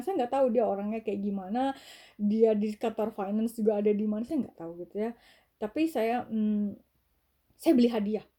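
A woman's voice: a little high, warm tone. A woman hosting a podcast, telling a personal faith testimony in a chatty way, full of fillers and mixed-in English words. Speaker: podcast host.

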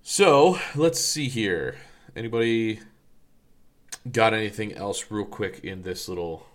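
A man's voice: on the low side, lively intonation, slow pace. A man co-hosting a casual podcast, rambling with lots of fillers and restarts. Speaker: podcast co-host.

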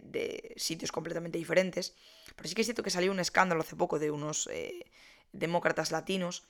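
A woman's voice: deep voice, creaky, a bit bright. A young woman, casually explaining politics in a chatty monologue, with many fillers and self-corrections.

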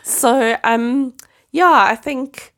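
A woman's voice: high-pitched, drawn-out words, fairly bright tone, a little hiss or hum. A woman co-hosting a casual faith chat, enthusiastic and laughing often, her voice a little stuffy from a cold. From Southern Hemisphere. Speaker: podcast co-host.

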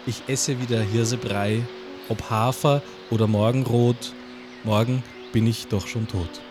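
A man reading a mock-solemn poem in a dry, deadpan, halting way. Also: mid-range voice. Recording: music playing under the voice.

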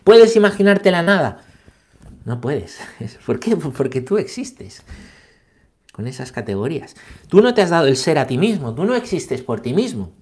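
A man giving a catechesis talk, animated and emphatic, asking rhetorical questions and checking in with his listeners. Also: medium pitch, normal speed, breathy edge. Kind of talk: catechesis talk on scripture and philosophy.

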